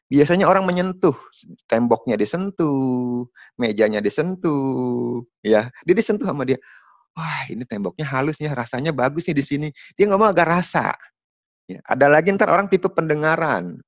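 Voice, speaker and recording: A man running an online sales training from home, explaining in a lively, chatty way and talking straight to the participants. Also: mid-range voice. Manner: lively, chatty, addresses participants as Bapak Ibu. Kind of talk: online training talk over video call. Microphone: video call. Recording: dull, dry video-call audio.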